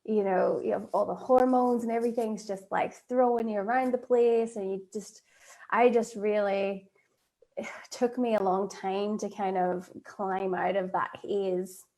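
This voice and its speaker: A woman speaks as a guest over a video call, chatty and loose, laughing often and filling pauses as she thinks aloud. Her voice sits at an ordinary middle pitch. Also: fairly even intonation, mellow. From Northern Ireland. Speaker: guest, life coach. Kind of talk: casual interview chat.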